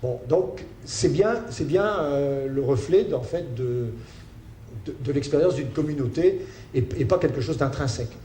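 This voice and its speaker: A man giving a spoken lecture, halting, with many fillers and restarts. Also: medium pitch, mellow. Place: lecture hall. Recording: roomy hall sound with faint ambient noise.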